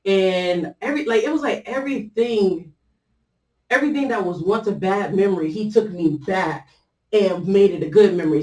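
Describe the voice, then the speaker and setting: A woman's voice: medium pitch, a little mellow, far from the mic. Chatty woman in an echoey room. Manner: chatty, loose, many fillers, breaks into laughter. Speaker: vlogger sharing a personal faith story. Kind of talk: casual personal storytelling. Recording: echoey room, voice set back from the mic.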